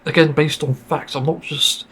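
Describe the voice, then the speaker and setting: A man's voice: on the high side, level tone, normal speed, bright, forceful tone, breathy edge. A man hosting a solo podcast, venting in frustration with sighs, swearing and fillers, his throat getting sore. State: sore throat, mint in mouth. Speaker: podcast host.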